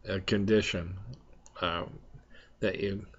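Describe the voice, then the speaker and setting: A man hosting a casual, rambling chat for viewers, speaking in a halting, hesitant way with long pauses, on a slightly dull recording. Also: deep voice, steady tone, fairly bright tone. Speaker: host of a pipe smoking chat vlog.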